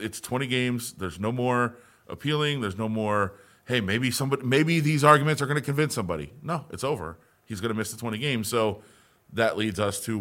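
A man's voice: fairly low pitch, a bit bright. A man co-hosting a sports podcast, talking in a casual, conversational way with frequent restarts. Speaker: podcast co-host.

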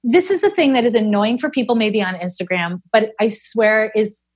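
A woman's voice: fairly high pitch, normal speed, husky. A woman in her forties, an astrologer being interviewed, speaking frankly and bluntly with casual swearing. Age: 40s. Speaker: astrologer guest.

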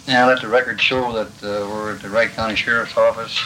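A middle-aged male detective questioning a suspect on an old archival tape recording, speaking haltingly with many fillers. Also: fairly low pitch, steady tone, sharp tone, rough recording. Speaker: police detective interrogating a suspect. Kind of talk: police interrogation.

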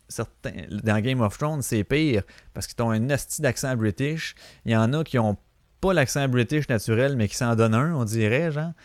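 A man's voice: mid-range voice, dry recording. Quebec guy rambling on his podcast, swears a lot, mid voice, dry room. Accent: Quebec French. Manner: rambling, slangy, swears freely. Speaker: podcast host. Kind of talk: casual storytelling monologue.

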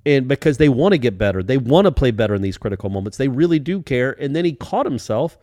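A man hosting a casual sports podcast, animated and rambling, with many restarts. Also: mid-range voice, quick pace, dry recording, clean studio sound.

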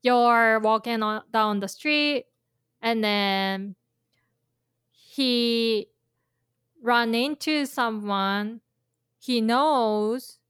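Woman teaching japanese, casual chatty explaining, lots of "like" and "um", slightly high voice. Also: very slow, long pauses, fairly bright tone, clear, resonant tone, no echo, studio quality. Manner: explains with imagined scenarios, many fillers. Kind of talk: casual language lesson chat.

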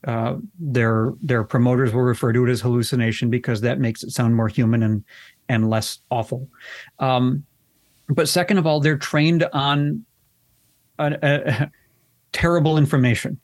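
A man of ordinary pitch speaks as an expert guest, candid and a little wry. He often circles back and restarts mid-sentence. The sound is dry, with no room echo. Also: fairly even intonation, normal speed. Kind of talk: conversational interview answers.

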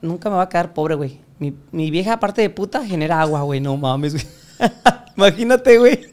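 A man's voice: fairly high pitch, animated, a little fast, darkish tone. Crude slangy Mexican man telling a story. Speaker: podcast guest telling his story. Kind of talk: casual chat.

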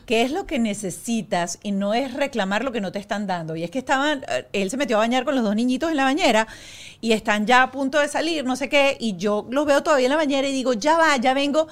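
A woman with a fairly high voice hosts a talk show. She chats in a lively, storytelling way and reads sponsor messages in the same easy tone. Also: quick pace. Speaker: host. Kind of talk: casual chat with live ad reads.

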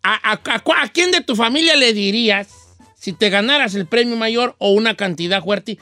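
High-pitched joking radio host. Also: male voice, normal speed, pushed and bright, dry recording, faint music behind. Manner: joking, slangy, acts out other people's voices. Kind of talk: comic radio banter.

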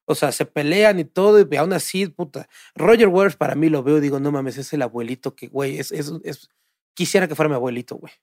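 A man with a Mexican accent in casual podcast chat, animated and swearing freely. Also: a little high, a little fast, no room sound, studio quality. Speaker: podcast co-host.

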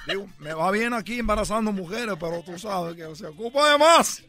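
Male host doing a rambling, bragging Cuban ballplayer type for radio comedy, high bright voice, faint music under it. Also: lively intonation, normal speed. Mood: boastful. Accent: Cuban Spanish put-on. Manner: boastful, rambling, calls everyone "chico". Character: boastful Cuban baseball fan character, adult man.

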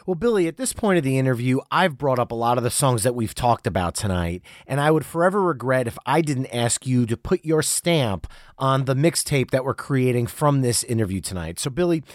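A man's voice: mid-range voice, lively intonation, fairly quick, few pauses, no room sound, clean studio sound. A man hosting an interview podcast, asking polished, earnest questions. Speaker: podcast host.

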